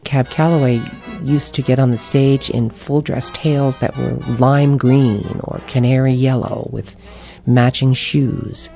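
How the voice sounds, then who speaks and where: An older woman chats with lively, laughing energy and slips into little acted-out voices as she tells stories. Her tone is mellow and dark rather than bright. The recording is dull and lo-fi. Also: extremely low pitch, unhurried, creaky, soft background music. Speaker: guest. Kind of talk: casual chat.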